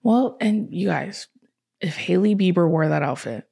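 A woman's voice: lowish voice, animated, moderate pace, gravelly, mellow, slightly rough. A woman co-hosting a podcast in casual chat, joking and teasing as she prompts with questions. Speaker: podcast co-host.

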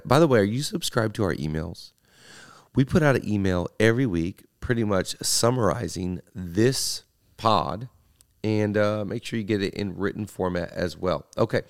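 A tired man with a raspy, froggy morning voice, chatting casually and playfully as a podcast host. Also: on the low side. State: tired, under-slept. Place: in a house.

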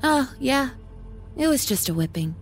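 A man's voice: very high-pitched, sing-song, measured pace, faint music behind, pitched above the performer's own voice, exaggerated voice. A man voicing a protective young girl with a blunt way of talking. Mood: calm. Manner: blunt Southern dialect.

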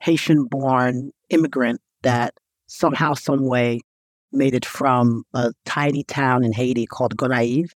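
A man's voice: mid-range voice, steady tone, a little slow, no room sound. Earnest man telling a story, dry sound. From New York. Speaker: guest. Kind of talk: interview conversation.

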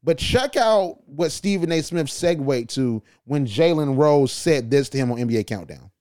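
Guy running a podcast, chatty and animated, bit higher voice, lots of slang. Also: moderate pace, no echo, studio quality. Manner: animated, conversational, loose slang. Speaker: podcast host. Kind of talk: casual opinion commentary.

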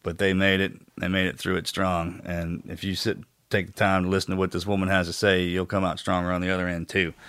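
A man speaking an earnest, halting tribute to a friend. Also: deep voice, completely flat delivery, a bit bright, clear, resonant tone, dry recording. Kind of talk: casual tribute.

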